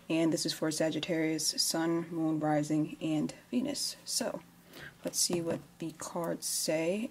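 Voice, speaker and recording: Quiet, low-pitched woman, hushed for night. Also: creaky, a little hiss or hum. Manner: quiet, low-key speaking at night, keeping it down for sleeping housemates. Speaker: tarot reader, channel host. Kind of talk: tarot reading, casual spiritual talk. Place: at home.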